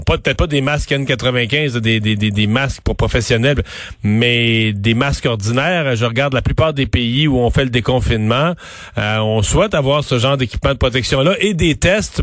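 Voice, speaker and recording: A man's voice: medium pitch, fairly bright tone, no room sound, studio quality. A man with a Québécois French accent hosting a radio talk show, conversational and hesitant with many fillers. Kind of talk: live radio interview.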